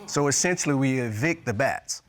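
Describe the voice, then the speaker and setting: A man's voice: medium pitch, animated, fairly quick. A middle-aged man giving explanatory testimony as an expert witness.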